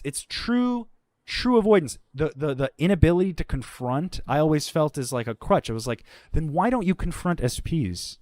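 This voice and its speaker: A man's voice: medium pitch, a little mellow, no room sound. Male guest, mid-range voice, blunt and profane storyteller, dry close sound. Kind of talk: casual conversation, candid storytelling.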